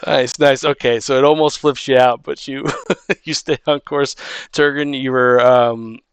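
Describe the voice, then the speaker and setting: A man running a tabletop game as dungeon master, talking loosely with many fillers and frequent laughs. His pitch is mid-range. The sound is dry and close. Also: steady tone, measured pace, clean tone, no room sound.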